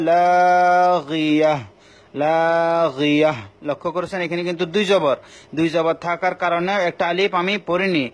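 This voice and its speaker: A man with a Bangladeshi Bengali accent teaching Quran recitation rules in a recorded class, patient and repeating each point, with slow chanted examples. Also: high-pitched.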